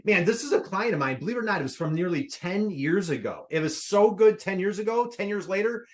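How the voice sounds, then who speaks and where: Peppy guy running a webinar, quizzes the crowd, bit higher voice, video call mic. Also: expressive, a little fast. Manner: upbeat, playful, quizzing the audience. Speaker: workshop host. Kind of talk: live online workshop.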